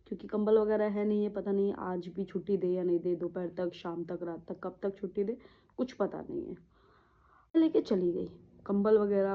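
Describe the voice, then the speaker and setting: A woman telling a personal story in a halting, repetitive way, often trailing off, with a grieving tone. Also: fairly low pitch. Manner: emotional, grieving tone. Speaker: vlogger. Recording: tinny phone-like audio.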